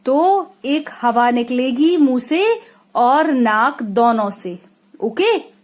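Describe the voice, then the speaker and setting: A woman's voice: high-pitched, expressive, drawn-out words. A woman from India teaching young children a lesson, stretching out sample words and checking in with a frequent "okay?". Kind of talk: classroom lesson explanation.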